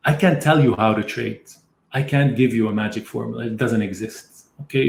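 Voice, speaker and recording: Middle-aged man, webinar host, anecdotal teaching, mid-pitched voice, roomy echo. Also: a little mellow. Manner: storytelling, explains with anecdotes. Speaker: market analyst hosting a trading webinar.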